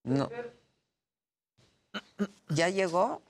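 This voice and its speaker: A woman with a Mexican accent hosting a news show, trading relaxed, teasing banter in casual studio chat. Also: fairly low pitch, very slow.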